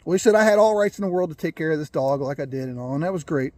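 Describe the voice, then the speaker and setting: A man telling a rambling, folksy story about his birds, clearing his throat now and then. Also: fairly high pitch, expressive, racing, warm tone, no room sound. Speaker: gamefowl breeder. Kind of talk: casual storytelling.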